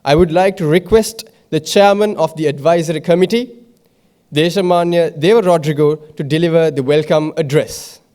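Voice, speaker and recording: Higher-pitched man announcing, formal podium speech. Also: moderate pace, dark tone. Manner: formal, ceremonious. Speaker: announcer introducing a speaker.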